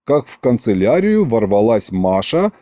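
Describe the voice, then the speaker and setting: Male audiobook narrator, wry and animated, slow, mellow dry close voice. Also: medium pitch, no echo. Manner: wry, lively storytelling. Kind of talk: scripted narration.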